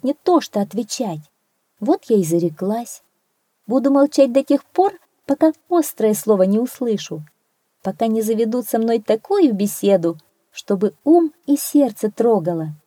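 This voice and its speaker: Fairy-tale princess, proud and stubborn, read by a woman, mellow, dry close sound. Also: a little high, no room sound, pitched above the performer's own voice. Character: young princess, proud and strong-willed.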